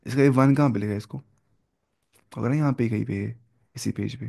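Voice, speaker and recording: A man teaching Quran recitation in a relaxed classroom lesson, with a medium-pitched voice. He explains each rule conversationally and drops in English terms. He keeps asking "okay?" and slows down sharply to model each recited example. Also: vocal fry. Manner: explains in conversational Urdu, often checks understanding with "okay?"; mixes in English words.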